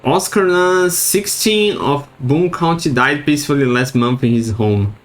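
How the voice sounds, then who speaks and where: In a rough recording, a man with a fairly high voice speaks a little slowly as he streams a video game. He chats casually in let's-play style, reading in-game notes aloud and stumbling over words.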